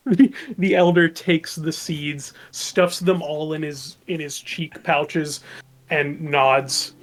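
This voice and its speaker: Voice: mid-range voice, fairly even intonation, slow pace. A game master narrating a tabletop game, hesitant with many fillers.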